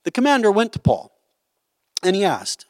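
High-voiced man teaching scripture. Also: huge pitch swings, moderate pace, dry recording, clean studio sound. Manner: conversational, checks in with "right?" and "okay?". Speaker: Bible teacher. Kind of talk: Bible study teaching.

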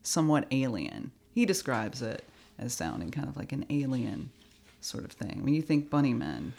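A woman's voice: very deep voice, wildly swooping pitch, moderate pace, gravelly, dark tone. Chatty laughing woman podcast host. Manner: playful, free-associating, laughs often. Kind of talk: casual chat.

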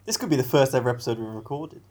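A man's voice: medium pitch, very fast, darkish tone. A man co-hosting a casual podcast, playful and giggly, often second-guessing himself. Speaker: podcast co-host. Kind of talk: casual chat.

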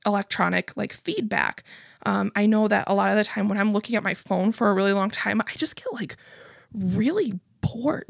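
A woman's voice: mid-range voice, creaky, no echo, clean studio sound. A young adult woman hosting a podcast, telling a story in a rambling casual chat full of swearing and laughs. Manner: profane, rambling, laughs often. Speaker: podcast host.

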